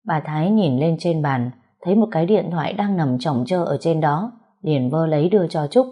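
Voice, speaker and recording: A woman narrating an audiobook story in a steady, expressive reading voice. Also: deep voice, normal speed, husky.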